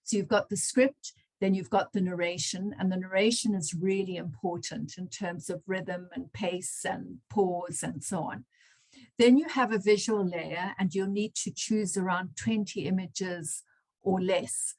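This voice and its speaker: A woman's voice: on the low side, fairly even intonation, unhurried, a little mellow, rough recording. A woman facilitating an online workshop, explaining steps with frequent ums. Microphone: video call.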